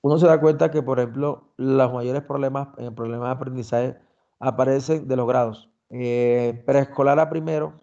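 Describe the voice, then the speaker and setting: A man's voice: mid-range voice, fairly even intonation, normal speed, warm tone, highs cut off. A man presenting a lesson, reading criteria aloud and explaining them with examples, often checking in with his listeners. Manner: frequent fillers and restarts, checks with "¿no?". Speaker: lecturer.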